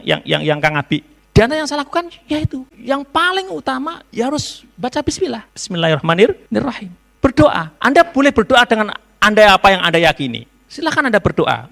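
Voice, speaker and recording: A man gives a university lecture to students in a lively storytelling way, slipping into phrases. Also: a little high. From Indonesia. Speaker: novelist giving a guest lecture. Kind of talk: public lecture.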